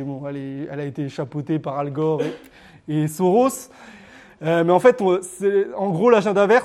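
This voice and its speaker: A man giving a public lecture with slides, talking straight to his audience and pausing often on filler sounds. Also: high-pitched, darkish tone. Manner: hesitant, frequent "euh" fillers and restarts; addresses the audience directly. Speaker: conference speaker.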